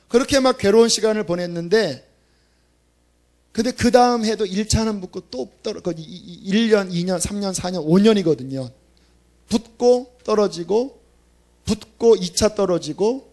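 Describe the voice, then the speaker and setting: A male pastor preaching a sermon at a church service, telling a story in a conversational, emphatic way. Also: high-pitched.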